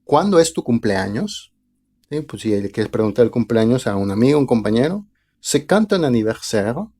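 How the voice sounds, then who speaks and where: Man slowly teaching a language lesson. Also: medium pitch, expressive, mellow. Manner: slow, careful pronunciation of example phrases. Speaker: French teacher.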